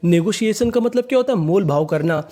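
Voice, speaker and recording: In a classroom lesson, a man teaches English reading by spelling out words, asking how they're read, answering himself, and repeating each word slowly several times. His voice sits high and sounds expressive and warm.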